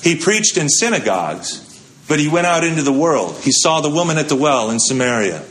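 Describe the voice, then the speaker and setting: A man's voice: a little high, very animated, a little fast, a bit bright, a little hiss or hum. A male pastor giving a sermon in a conversational way, asking the congregation questions and answering them. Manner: conversational preaching with rhetorical questions.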